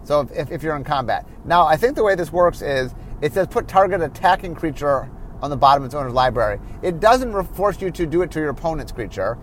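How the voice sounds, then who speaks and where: A man's voice: a little high, expressive, fast, slight background noise. Tired man explaining game design. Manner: explanatory, self-correcting, many fillers. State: tired, yawning. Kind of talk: solo podcast monologue.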